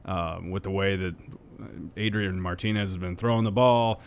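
A man co-hosting a casual sports talk show, speaking haltingly with many fillers and restarts. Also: deep voice, clean tone. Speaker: co-host.

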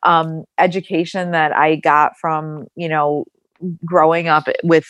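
Woman in her 40s, lowish voice, dry sound, earnest, rambling storyteller. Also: level tone, takes it slowly, a bit bright, no room sound. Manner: earnest storytelling with frequent fillers. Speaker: company CEO, interview guest. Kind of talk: conversational interview.

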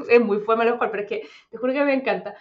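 A woman with a Chilean accent in a fast, chatty conversation, full of slang fillers. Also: fairly high pitch, dull audio. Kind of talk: casual chat.

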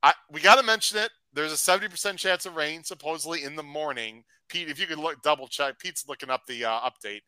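A man hosting a live racing podcast, chatty and upbeat, reading out shout-outs to viewers. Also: fairly high pitch, fast talker, hardly any pauses, clean tone, dry recording, poor audio. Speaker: podcast host. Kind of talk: casual live-stream chat.

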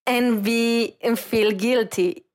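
A woman's voice: fairly high pitch, steady tone, takes it slowly. A woman reiki master giving an intuitive reading on a podcast, speaking earnestly and reassuringly. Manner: earnest, warm reassurance, gentle and reflective.

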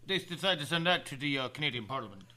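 A man with a Boston accent, a podcast co-host trading casual comic banter with deadpan jokes. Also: on the high side, very fast.

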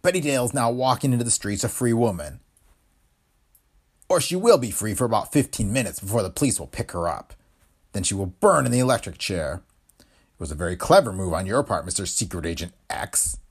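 A sneering masked gang leader from an old pulp adventure, as a male narrator puts him on. He talks low and mocking, with a husky edge and lively, swooping pitch. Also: a little fast. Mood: gloating. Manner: low, mocking, chuckling menace. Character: gloating masked crime boss, adult man.

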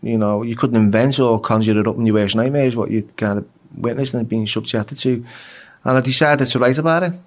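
A guest from England tells raw stories about prison in a relaxed interview. His medium-pitched voice moves briskly, and he swears freely, stumbling and repeating words as he goes.

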